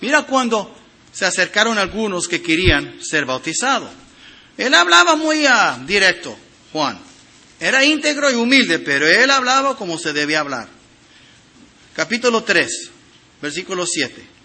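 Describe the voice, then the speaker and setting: High, bright, lively preaching man. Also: moderate pace. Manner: expressive preaching, reads scripture aloud, addresses congregation directly; emphatic swings in loudness and pitch. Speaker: pastor. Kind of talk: sermon.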